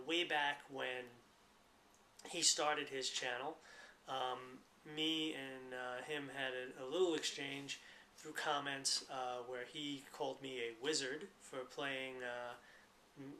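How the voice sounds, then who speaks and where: A man's voice: mid-range voice, fairly even intonation, unhurried, sharp tone, echoey room, slight background noise. An American man in his thirties chatting casually to the camera in a rambling, talkative way. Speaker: vlogger.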